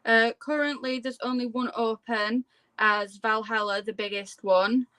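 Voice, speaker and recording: Higher-voiced woman chatting casually. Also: fairly even intonation, unhurried, sharp tone, smooth, dry recording, poor audio. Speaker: interview guest. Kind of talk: casual chat.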